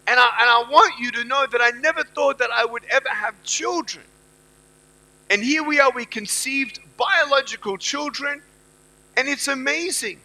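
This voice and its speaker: A man's voice: very high-pitched, normal speed, bright, forceful tone, rough recording. A middle-aged man giving a motivational speech to students at a university event. He talks emphatically and repeats his key phrases. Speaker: motivational speaker.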